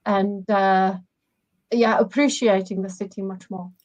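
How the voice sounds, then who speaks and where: A woman's voice: medium pitch, fairly even intonation, unhurried, darkish tone, no room sound, rough recording. A woman from the Republic, a guest photographer speaking in a reflective, hesitant way with many fillers. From Czech Republic. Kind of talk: casual interview.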